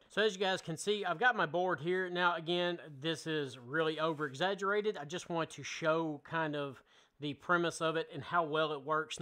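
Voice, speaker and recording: A man's voice: on the high side, bright, forceful tone. A man in his thirties hosting a casual woodworking how-to, explaining each step plainly with a few fillers, in his home workshop. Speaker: woodworking channel host. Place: home woodworking shop, indoors.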